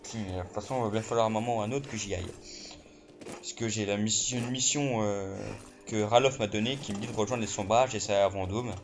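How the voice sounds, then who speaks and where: A man giving casual let's play commentary while he plays, excitable, full of fillers and swearing. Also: fairly low pitch, fairly quick, noisy background. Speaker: gamer. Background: game music.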